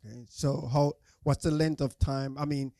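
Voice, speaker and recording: Hesitant, mellow-voiced male host. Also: mid-range voice, steady tone, moderate pace, gravelly, dry recording. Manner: hesitant, many fillers, laughs often. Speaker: podcast host. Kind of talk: casual interview.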